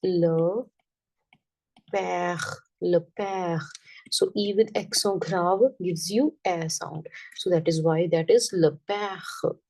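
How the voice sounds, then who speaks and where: A woman teaching a French lesson, repeating each word slowly and often checking that the class understands. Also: fairly low pitch, darkish tone, far from the mic, rough recording. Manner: patient, checks understanding with "got it?".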